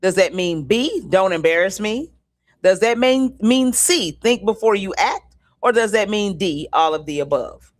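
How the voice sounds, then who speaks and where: Woman co-host, slow drawn-out quiz reading, lively voice. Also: medium pitch, no room sound, clean studio sound. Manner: reads quiz questions slowly with a lilt. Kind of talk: live show game hosting.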